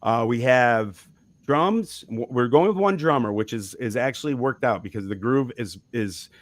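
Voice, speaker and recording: A man's voice: mid-range voice, lively intonation, moderate pace, no echo. A man being interviewed about his band, talking loosely with frequent restarts and small laughs. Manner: rambling, chuckling, frequent restarts. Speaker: musician guest. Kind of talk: casual interview talk.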